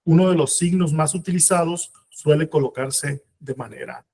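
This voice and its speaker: A man with a Mexican Spanish accent teaching a legal writing course, pausing often with fillers and restarting his sentences. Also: fairly high pitch, creaky, dark tone, breathy edge. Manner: halting, many fillers and restarts. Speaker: instructor. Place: training course room.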